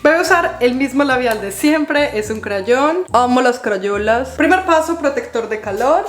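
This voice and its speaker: Vlogger, woman, 30s; bright-pitched and earnest, speaking straight to the viewer; roomy echo, faint music bed. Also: expressive, unhurried, a little hiss or hum. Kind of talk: casual vlog talk to camera.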